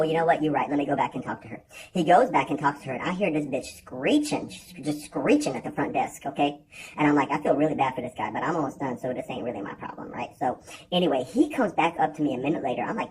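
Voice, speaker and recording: A man's voice: medium pitch, noisy background. A man telling a comedic story in an exasperated, profane way, acting out the other people's lines himself. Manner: exasperated, profane, acts out quoted voices. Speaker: vlogger.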